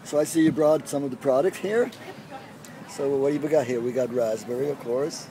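A man chats with a vendor at an outdoor farmers market, stopping and restarting his questions as he goes. His voice sits at an ordinary middle pitch. Steady traffic noise from the street nearby runs under everything. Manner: halting, with false starts. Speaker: interviewer. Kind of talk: casual interview. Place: outdoor farmers market beside a parking lot. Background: street and vehicle sounds.

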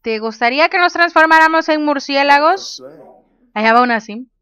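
A woman's voice: high voice, moderate pace, pushed and bright, no echo, muffled recording. A woman casually commenting on a life-sim game, reading menu options aloud and laughing often. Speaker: gaming youtuber. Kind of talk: casual let's play commentary.

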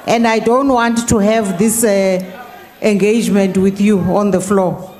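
A woman's voice: medium pitch, fairly even intonation, measured pace, a little mellow. A middle-aged woman with a South African accent chairing a parliament session in a formal, firm manner, at times raising her voice to keep order. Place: large parliamentary chamber. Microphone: desk microphone.

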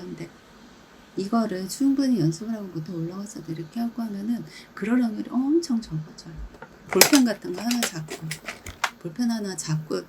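A woman coaching everyday calming habits in a casual, chatty way, acting out little scenes and laughing often. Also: medium pitch, a little hiss or hum, rough recording. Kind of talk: casual instructional talk.

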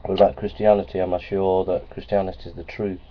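Talking fast and flat, this deep-voiced vlogger rambles to a webcam set up close in a small office lined with framed certificates. It's a casual vlog: plain, repetitive, and full of ums and uhs. The sound is dull and lo-fi, with a faint hiss underneath.

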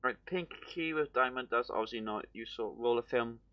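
Chatting to his viewers while he plays, a young man from Wales gives casual, rambling live-stream commentary from indoors at home on a headset. He speaks fairly quickly at a medium pitch, and the lo-fi audio has no room sound.

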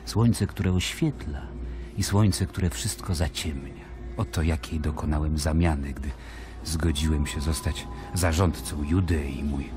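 In a radio play, a male voice plays Pontius Pilate, the Roman governor, reading a letter aloud as a dramatic monologue. His very deep voice is bitter and brooding, measured and disdainful, sometimes sinking almost to a whisper. Music plays beneath him.

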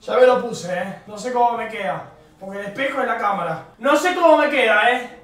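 High-voiced Argentine man, exasperated streamer. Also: lively intonation, fairly quick, recorded from a distance. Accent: Argentine Spanish. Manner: loud, exasperated, self-mocking, talks back to chat. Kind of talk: casual live-stream chat. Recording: roomy, from off the mic.

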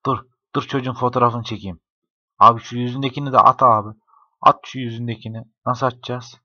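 Young man, low-pitched and bright, joking gameplay commentary, dull dry home mic. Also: dry recording. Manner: joking, talks to the game characters, laughs often. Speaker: gaming YouTuber.

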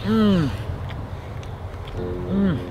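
A man's voice: high voice, lively intonation, extremely slow, background noise. A young man chatting casually through a food review outdoors, talking while he eats and chewing between phrases. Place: outdoors in a grassy backyard. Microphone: camera on tripod and head-mounted action camera. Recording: loud music under the voice. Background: music.

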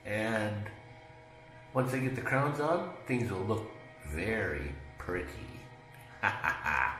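A man's voice: on the low side, lively intonation, takes it slowly, fairly bright tone, soft background music. Chatty older man narrating his vlog. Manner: chatty, laughing at himself, plain-spoken. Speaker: vlogger. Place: dental clinic, indoors.

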